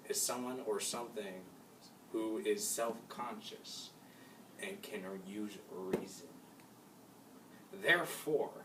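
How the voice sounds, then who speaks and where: A young man playing a calm male moral philosopher in a class-project mock debate, reading his lines a bit stiffly with some hesitations. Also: fairly low pitch, natural voice. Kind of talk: amateur class-project role-play. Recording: echoey room, mic far off, noisy.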